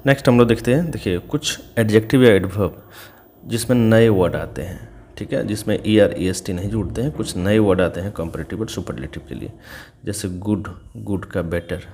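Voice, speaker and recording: Male tutor, low voice, patient and repetitive, spells words letter by letter. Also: darkish tone, slightly rough. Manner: patient, repetitive step-by-step explaining. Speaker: English teacher. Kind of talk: explaining grammar rules in Hindi.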